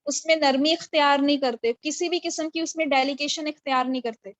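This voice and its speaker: Woman teacher, high voice, dry close sound over a video call, explanatory and questioning. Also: fairly even intonation, no room sound, low-quality recording. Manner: explanatory, mixes English terms into Urdu, checks understanding with questions. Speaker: Quran recitation teacher. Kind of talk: live online lecture. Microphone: video call microphone.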